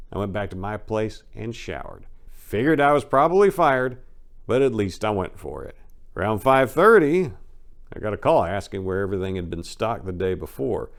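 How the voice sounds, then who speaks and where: With a lowish voice, a man narrates a first-person story for an audiobook, reading it dramatically. His delivery is colloquial, salty and full of emphasis.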